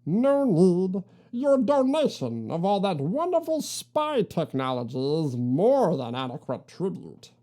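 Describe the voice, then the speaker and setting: Woman voicing a pompous, slow-talking bee king villain. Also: fairly low pitch, very animated, warm tone, pitched below the performer's own voice. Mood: haughty. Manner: pompous, theatrical, drawn-out delivery. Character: grandiose self-crowned male bee king, scheming villain. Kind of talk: comic storybook read-aloud.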